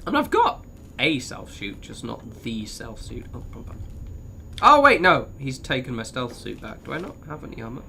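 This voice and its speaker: A man's voice: medium pitch, big pitch swings, normal speed, creaky, sharp tone, slight background noise. A man with a modern British Received Pronunciation accent, giving chatty, sweary, bantering commentary as he streams a game. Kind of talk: casual gameplay commentary.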